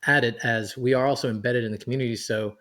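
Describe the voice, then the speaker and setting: A man in his forties from New York City co-hosting a podcast, chatty and animated as he talks. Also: medium pitch, fast talker. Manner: chatty, animated, laughing as he reminisces. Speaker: podcast co-host. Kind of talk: podcast conversation.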